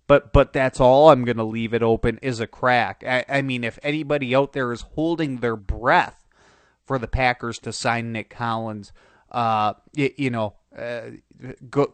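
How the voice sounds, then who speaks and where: A man's voice: medium pitch, a bit bright, dry recording. A man talks through a cold, his voice nasal and congested, rambling through casual sports commentary with frequent restarts and fillers. The recording is dry and close, with no room sound around him. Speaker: podcast host.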